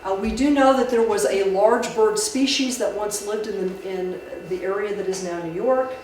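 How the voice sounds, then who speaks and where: A woman's voice: mid-range voice, normal speed, a little mellow. Woman giving a talk in an echoey room. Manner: conversational, with many restarts and fillers. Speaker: library speaker. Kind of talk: public talk on folklore. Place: room in a library. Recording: echoey room, distant mic, background noise.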